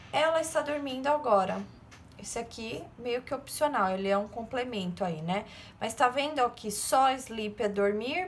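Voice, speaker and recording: A woman teacher walks through a recorded grammar lesson, her voice sitting a little high. She explains each step patiently and keeps checking that her pupils follow along. A faint hiss of background noise runs under her voice-over. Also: a bit bright. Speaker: English teacher.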